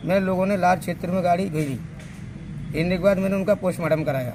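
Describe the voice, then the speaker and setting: A man from Madhya Pradesh talks in a raised, high voice, pressing hard for justice in an outdoor interview. Heavy street traffic hums behind him. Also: fast talker. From Madhya Pradesh, India. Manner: agitated, demanding justice. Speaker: victim's brother. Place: outdoors by a road.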